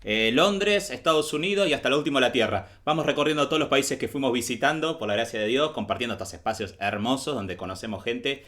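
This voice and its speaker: A man's voice: medium pitch, expressive, fast talker, few pauses, a bit bright. A man hosting a faith interview show in an upbeat, welcoming way. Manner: upbeat, welcoming host patter. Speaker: host.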